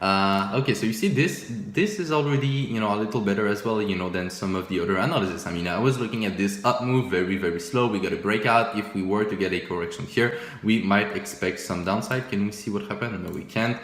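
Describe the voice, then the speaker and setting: A young forex trading YouTuber, a French native speaker with a low voice, chats casually over a screen share while looking back at his old work. He talks fast with hardly any pauses, relaxed and self-mocking, full of "you know" and "uh," restarting often and chuckling a lot. The room has a noticeable echo.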